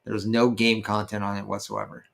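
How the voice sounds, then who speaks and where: A man's voice: on the low side, flat delivery, normal speed, vocal fry. A man co-hosting a podcast in casual chat, rambling and often stopping to search for words. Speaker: podcast co-host.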